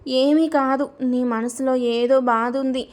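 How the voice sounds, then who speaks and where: A tearful, cheeky young granddaughter in a storybook tale, as a woman narrator reads her, pleading in a fairly high voice. She is a bride-to-be in a large family. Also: fairly even intonation, slow pace, a little mellow.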